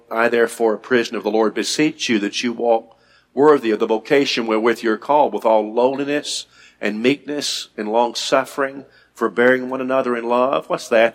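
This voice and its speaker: A man preaching a Bible lesson, reading scripture aloud and getting louder and higher when he stresses a point. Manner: reads scripture aloud, rises in pitch and volume for emphasis.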